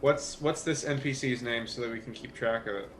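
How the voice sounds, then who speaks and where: A man playing a tabletop game, talking haltingly with frequent restarts. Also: mid-range voice, steady tone, a bit bright, slight background noise. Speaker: player. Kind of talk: tabletop role-play chat.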